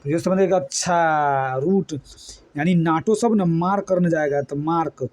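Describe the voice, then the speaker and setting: A man's voice: fairly high pitch, unhurried, a little mellow. A man from eastern India, teaching an exam-prep lesson with memory tricks. He talks colloquially and keeps quizzing his students.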